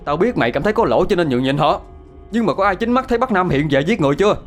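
Figure: young man, hot-headed, defiant. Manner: shouting, cursing, threatening, voice pitched well above the narrator's own, with swooping, lively intonation. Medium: audiobook ghost story, as a man acts it out. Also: very fast, faint music behind. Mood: furious.

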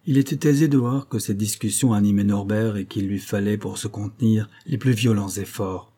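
A male audiobook narrator reading a novel in a steady, measured voice. His voice is low and dark, with a husky texture.

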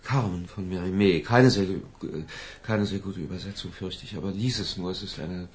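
An actor playing a lovesick middle-aged professor in a radio drama, hesitant, pleading and given to theatrical declaiming. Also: male voice, sits low, moderate pace, a little hiss or hum, lightly acted. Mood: anxious, coaxing. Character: lovesick, feverish older professor, pleading and florid.

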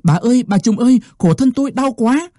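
A man's voice: medium pitch, a little fast, mellow, dry recording, studio quality, lightly acted. A man voicing a young peasant wife in painful childbirth, wailing and pleading in a strained voice.

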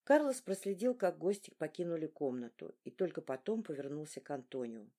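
A woman narrating a novel aloud in a scripted, expressive storytelling delivery. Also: deep voice, a little fast. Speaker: audiobook narrator.

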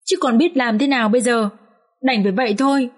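A woman reading an audiobook story, voicing a bitter, sharp-tongued young wife who scolds her husband with contempt. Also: on the high side, fast talker, close to an everyday voice.

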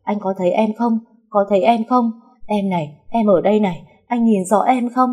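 A woman's voice: on the low side, fairly quick, dark tone, breathy edge. A woman voicing an emotional young pregnant wife, pleading and scolding through tears in an audiobook story. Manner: pleading, sobbing reproach. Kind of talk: audiobook character voice.

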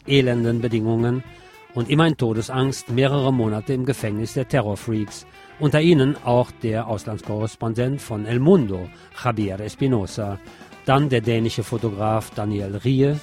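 Quiet instrumental guitar music sits behind a male presenter reading a scripted local radio news bulletin. He speaks at normal speed with a voice of typical male pitch.

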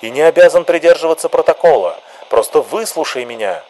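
A restless male activist from a radio play, loud and insistent, his voice pushed high and hard, as a male audiobook reader puts him on. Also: expressive, fairly quick, lightly acted, low-quality recording. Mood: agitated.

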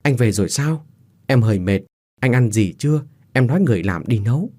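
A man's voice: medium pitch, animated, fairly quick, warm tone, close to an everyday voice. A man voicing a battered young wife who pleads and wails in an audio story. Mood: weary. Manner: pleading, anguished.

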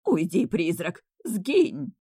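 Casual: lady reading as a screechy crazed queen, scornful and shrill, tight dry sound. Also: sing-song, slow pace, gravelly, warm tone, husky, no echo, full character voice. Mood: terrified. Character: hysterical deposed queen, middle-aged mother, cruel and unhinged. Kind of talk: audiobook character voice.

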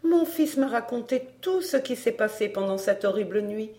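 A woman reading an audiobook, voicing a proud, guarded young woman who speaks quietly and with restraint. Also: on the high side, expressive, normal speed, lightly acted. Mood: restrained.

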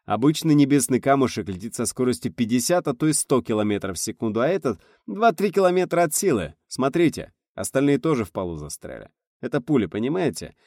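A man voicing a calm, confident male scientist who explains things firmly. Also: medium pitch, quick pace, hardly any pauses, no room sound, studio quality, voice pushed up. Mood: explaining.

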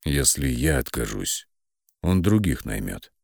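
A man's voice: low voice, animated, slow, no echo, studio quality, heavily acted. A man voicing a cold, ruthless male hitman who speaks curtly and commands. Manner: icy, curt, commanding.

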